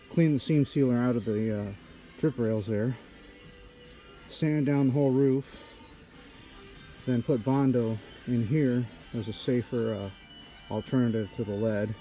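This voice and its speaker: Brief: man, muffled respirator voice, mellow tone, casual workshop narration, handheld camera. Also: medium pitch. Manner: halting, many fillers while working. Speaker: car restorer. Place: auto body garage.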